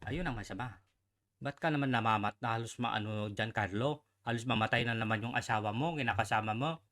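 A man's voice: mid-range voice, a little fast, a bit bright. A man giving casual, teasing reaction commentary with sarcastic asides. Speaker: online commentator.

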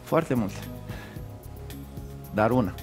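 Gravelly-voiced Romanian contestant in his thirties. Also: medium pitch, animated, a little mellow, faint music behind. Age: 30s. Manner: laughs often, answers in quick bursts. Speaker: quiz contestant. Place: TV studio.

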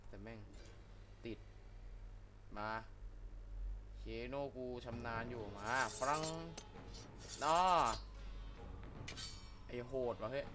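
A young man, a gaming YouTuber, doing excitable let's play commentary, with loud exclamations, crude slang and yelps at every hit. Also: mid-range voice, drawn-out words, long pauses. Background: game music.

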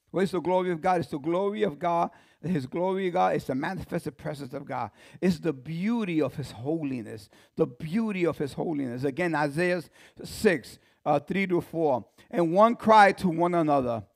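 A man preaching a sermon in church, his voice high and gravelly. He swings from hushed, low phrases up to full shouts and often restarts his sentences. The sound is close and dry, with little room around it. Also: no echo. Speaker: pastor.

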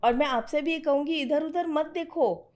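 In a high, slightly mellow voice at a moderate pace, a middle-aged woman coaches a student on trading. She's direct and firm in a conversational teaching style, dropping in English phrases as she goes.

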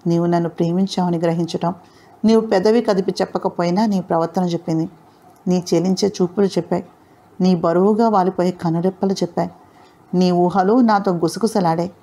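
A woman's voice: on the low side, fairly even intonation, fairly quick, warm tone. A teasing young charmer from an audio novel, read by a woman. He coaxes and needles playfully, in a voice close to the reader's own. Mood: coaxing. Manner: coaxing, teasing. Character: teasing, playful young man, smooth talker. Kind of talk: audio novel character reading.

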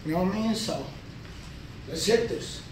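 A high-voiced trucker who vlogs speaks animatedly at a moderate pace in a casual workout vlog, offering plain-spoken motivation between sets. He's in a small, echoey indoor gym, recorded from a distance on a camera mic a few feet off, so he sounds a bit off mic against a noisy background.

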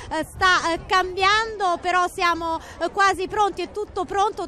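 A woman field reporter giving a live outdoor news report in a crowded city square, talking quickly and upbeat with frequent filler sounds. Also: extremely high pitch, pushed and bright. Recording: outdoor broadcast with crowd noise.

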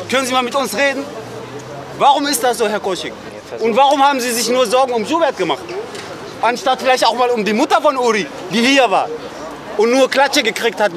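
A man protesting outdoors at a memorial, shouting repeated accusing questions at an official in an angry street confrontation. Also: extremely high pitch.

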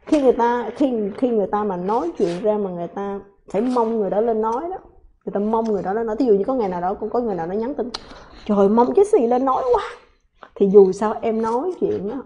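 Female talk host with a high voice who rants hotly and combatively at her audience. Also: warm tone, a little hiss or hum. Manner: combative, ranting, many repeated words. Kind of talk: heated talk to viewers.

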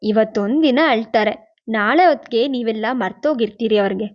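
A playful young brother-in-law, read by a woman narrator, teasing everyone. The voice is fairly high, and the recording sounds dull. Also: normal speed, lightly acted.

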